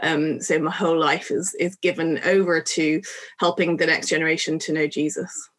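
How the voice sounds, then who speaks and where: A Dublin Irish woman in her forties speaks as an interview guest. Her voice sits a little low. She talks earnestly and conversationally, often pausing on "um". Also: fairly even intonation. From Ireland. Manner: warm, earnest, frequent "um" fillers. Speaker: guest, ministry director.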